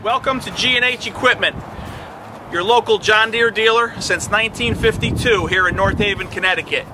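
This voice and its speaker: A man's voice: high voice, moderate pace, music in the background. A middle-aged man, an equipment dealer salesman, giving a plain product walkthrough with fillers, outdoors on a lot and then inside a tractor cab.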